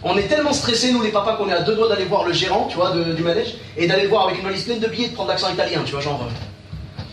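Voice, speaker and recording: Fast, high-voiced male stand-up comic. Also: lively intonation, fairly bright tone, distant mic. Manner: chatty storytelling, addresses the audience with asides. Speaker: stand-up comedian. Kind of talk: stand-up comedy routine. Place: comedy bar stage. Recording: roomy live stage recording from afar with noise.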